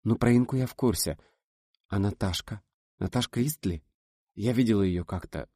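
A man's voice: on the low side, normal speed, mellow, no echo, studio quality, close to an everyday voice. A man voicing a shy, nervous young actress asking anxious questions in an audiobook. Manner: hesitant, flustered.

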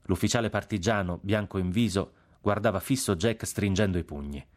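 A man reading a literary novel aloud in a measured, grave narrating voice. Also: low-pitched. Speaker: audiobook reader.

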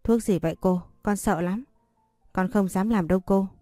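A woman's voice: medium pitch, normal speed, mellow, dry recording, clean studio sound, faint music behind, natural voice. A woman reading a storybook voicing a frightened teenage servant girl who stammers and pleads. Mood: nervous.

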